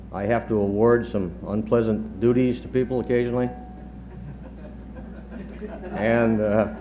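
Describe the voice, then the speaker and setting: Lowish man on old worn tape. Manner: halting, many pauses and fillers, dry humor. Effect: on old worn reel-to-reel tape. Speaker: chief of staff giving a retirement speech. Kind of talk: after-dinner tribute speech. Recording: dull worn 1970s tape with faint hum.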